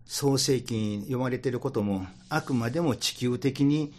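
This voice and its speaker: A man with a Kansai accent telling stories in relaxed conversation, musing slowly with many fillers. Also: mid-range voice. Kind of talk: conversational talk.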